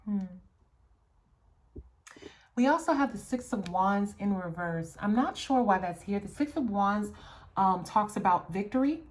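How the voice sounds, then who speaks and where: A woman's voice: medium pitch, expressive, unhurried, pauses often. A woman giving an earnest, reflective tarot reading and often checking in with her viewers. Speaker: tarot reader. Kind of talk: spiritual tarot reading monologue.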